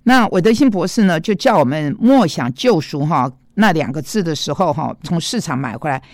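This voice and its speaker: Gravelly preacher man, dry close sound. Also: fairly high pitch, lively intonation, moderate pace, a little mellow, no room sound. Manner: explains Greek word roots, emphatic rhetorical asides. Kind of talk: sermon teaching.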